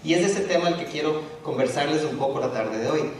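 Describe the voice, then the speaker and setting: A middle-aged man from Ecuador gives a lecture in a big auditorium, his fairly high voice carrying through a strongly echoing hall. He sounds set back from the microphone and stops and restarts often, with a faint hum of room noise behind him. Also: a little fast. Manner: hesitant, with frequent restarts and fillers. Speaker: speaker presenting a talk. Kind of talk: public lecture. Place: university auditorium. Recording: echoey hall, distant from the mic.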